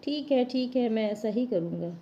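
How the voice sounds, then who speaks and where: A woman's voice: a little high, lively intonation, normal speed, mellow, lo-fi sound, a little hiss or hum. A woman voicing a hungry, gloomy male crocodile in a storybook reading for children. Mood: pleading.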